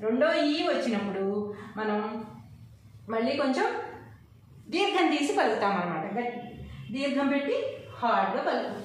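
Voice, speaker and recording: A woman's voice: fairly high pitch, lively intonation, normal speed, long pauses. A woman teaching a language lesson, patiently spelling out syllables and saying each word twice as she explains short and long vowels. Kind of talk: slow phonics lesson, spelling out syllables and words. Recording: very echoey room, faint background hum.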